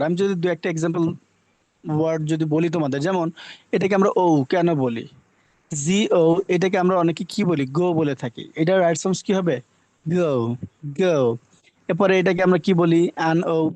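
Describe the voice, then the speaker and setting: A man's voice: a little high, darkish tone, dry recording, rough recording. A young man from Bangladesh teaching English phonics to children, drilling letters and words with repeated questions.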